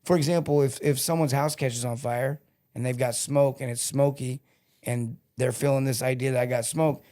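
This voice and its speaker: Middle-aged male sales coach, lively storyteller, mid-range voice. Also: medium pitch, normal speed. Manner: animated storyteller, acts out quotes. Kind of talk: casual podcast interview.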